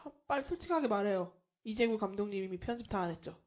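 A woman's voice: mid-range voice, lively intonation, fast. A woman co-hosting a casual movie-review talk show, sarcastic and teasing, often speaking straight to the listeners. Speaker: podcast co-host.

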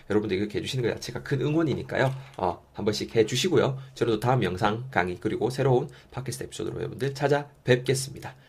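A man's voice: medium pitch, husky. A man teaching an online English lesson, encouraging listeners and coaching them to repeat phrases.

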